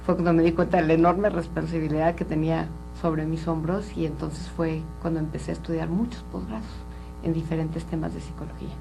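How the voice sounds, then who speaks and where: A woman's voice: deep voice, steady tone, fairly quick, creaky, dark tone, faint music behind, low-quality recording. A woman from Colombia, a psychologist speaking earnestly and openly as an interview guest. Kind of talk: candid interview talk.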